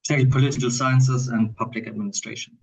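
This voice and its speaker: A man's voice: medium pitch, steady tone, fast talker, creaky, a little mellow, husky, lo-fi sound. A man, a doctoral student, introducing himself briefly and matter-of-factly on a video call. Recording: distant from the mic.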